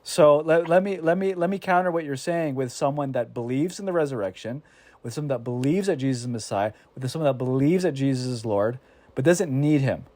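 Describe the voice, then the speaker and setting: A man leads a casual Bible discussion in an animated way. He stumbles and restarts often and slips into voices when he quotes others. The sound is dry and close. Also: medium pitch, brisk, dry recording. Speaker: Bible study teacher.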